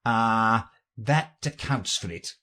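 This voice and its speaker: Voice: medium pitch, expressive, slow, bright, forceful tone. A reader voicing an eccentric, mournful and argumentative storybook man who explains himself in a theatrical, insistent manner. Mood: excitable.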